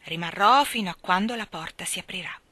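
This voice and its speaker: A woman's voice: medium pitch, a little fast, bright, forceful tone. A woman reading aloud from a children's book, voicing a stern, haughty magical nanny in a curt, lofty way.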